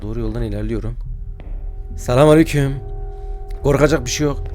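Over loud music, a young man plays a horror game for his YouTube channel, putting on a brave front that collapses into yelps, screams, and muttered prayers whenever something scares him. His jumpy commentary comes in a medium-pitched voice at a fairly quick pace.

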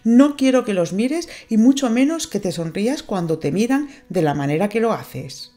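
A woman's voice: medium pitch, very animated, warm tone, pitched above the performer's own voice, natural voice. Woman doing a sullen jealous sailor boy. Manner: halting, strained, jealous.

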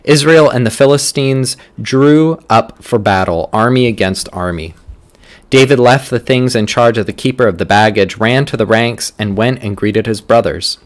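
A man with a mid-range voice reads scripture and leads prayers at a church's morning prayer, speaking in a measured, deliberate way, phrase by phrase.

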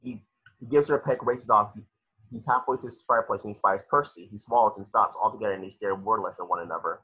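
Reading stage directions quickly for a table read, this narrator has a husky, forceful, low male voice. The screenplay narration takes place on a video call from home, with dull, lo-fi sound.

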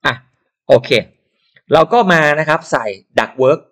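A man giving a casual software tutorial who chats and digresses into advice while working. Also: a little high, takes it slowly. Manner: chatty, digresses into advice and asides.

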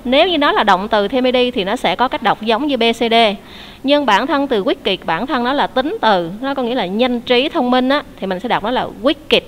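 A woman teacher, leading an online English class, explaining answers patiently and quizzing her students. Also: on the high side.

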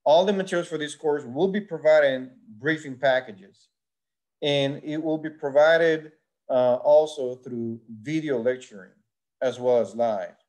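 Slightly high in pitch with a darkish tone, a male engineering lecturer from Puerto Rico whose first language is Spanish delivers a recorded university course lecture. He explains carefully, often filling pauses with "uh."

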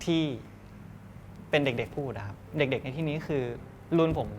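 A man's voice: mid-range voice, normal speed, darkish tone, slight background noise. A young man, a tea cafe co-owner, chatting in an interview and explaining things step by step in a loose, easygoing way. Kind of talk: casual interview.

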